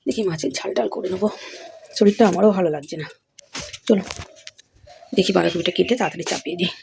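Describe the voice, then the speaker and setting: Hoarse woman cooking at home. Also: fairly low pitch, fast talker, a little mellow. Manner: talks to herself while cooking, thinking aloud. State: hoarse, voice gone. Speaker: village housewife vlogger. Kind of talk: casual cooking vlog chat. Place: home kitchen. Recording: noisy home recording.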